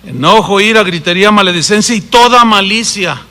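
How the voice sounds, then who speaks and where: A man preaching a sermon as a pastor, with a Mexican Spanish accent, animated and swinging between loud and hushed delivery. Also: high voice, a little fast, smooth, big-room sound.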